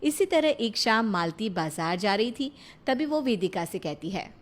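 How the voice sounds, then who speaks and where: A woman's voice: mid-range voice, sing-song, unhurried. A woman narrating a cartoon story in a plain storytelling manner.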